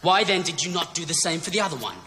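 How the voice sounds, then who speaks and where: A man's voice: on the high side, expressive, fast, sharp tone, big-room sound, slight background noise. An actor in a film clip playing a stern man who accuses his guilty brothers. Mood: accusing.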